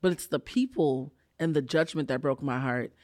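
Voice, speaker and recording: A man hosting a casual interview, expressive and gushing, laughing often with his guest. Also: fairly high pitch, normal speed, dry recording, clean studio sound. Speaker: podcast host.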